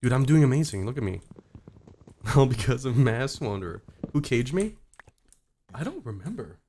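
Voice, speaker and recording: A streamer giving live gameplay commentary, excitable, swearing constantly and breaking into laughter and yells. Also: mid-range voice, moderate pace, a little hiss or hum.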